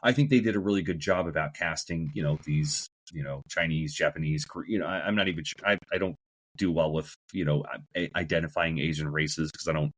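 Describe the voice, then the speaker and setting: A man's voice: very deep voice, brisk, dry recording. A man from the American Midwest co-hosting a casual podcast, laid-back and full of "you know". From Midwest United States. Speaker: podcast co-host. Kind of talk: casual chat.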